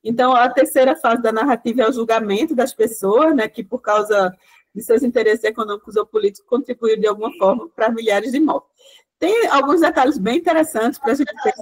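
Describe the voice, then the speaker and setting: Over a video call with poor audio, a woman with a fairly high pitch speaks briskly as a guest lecturer and project coordinator in an online class talk. Her explanation rambles, full of restarts and frequent "né" tag questions.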